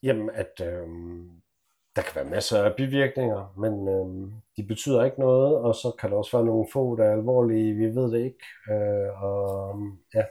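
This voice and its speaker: A man's voice: on the low side, dark tone. A man co-hosting a podcast in casual banter, who talks hesitantly with many fillers and a dry manner. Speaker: podcast co-host.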